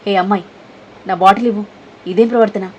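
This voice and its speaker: A woman's voice: mid-range voice, fairly even intonation, fast, dull audio, slight background noise, natural voice. Woman voicing an angry proud young man. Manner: harsh shouting commands.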